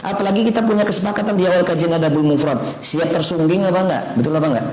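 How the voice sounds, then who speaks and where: Brief: man, informal preacher who keeps checking in with his listeners. Slightly high voice, long reverb in an echoey room. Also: quick pace, a little mellow, a little hiss or hum. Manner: chatty, keeps quizzing the audience. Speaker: ustadz teaching a weekly study circle. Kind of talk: informal sermon. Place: home study gathering.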